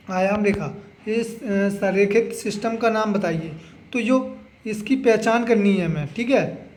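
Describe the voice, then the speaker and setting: A young man with a notably high voice runs an exam revision lesson. He moves briskly from question to question, repeats each key answer, and keeps checking in with students. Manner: drills answers, repeats "है ना?" and urges memorizing. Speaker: exam-prep teacher.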